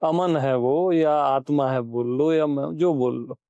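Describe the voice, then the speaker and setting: A high-pitched man leads a satsang discourse in a mellow, unhurried voice. He puts questions to his audience, repeats his key lines, and presses them to answer. He sounds like a spiritual teacher speaking to a gathering. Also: no room sound, dull audio. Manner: urges listeners on.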